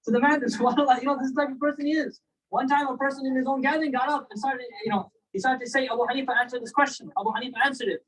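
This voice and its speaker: A man giving a casual, animated religious storytelling lecture, often checking in with his listeners. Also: very high-pitched, racing. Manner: animated, conversational, asks listeners "right?" and "you know?". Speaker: Islamic lecturer. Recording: distant mic, poor sound quality.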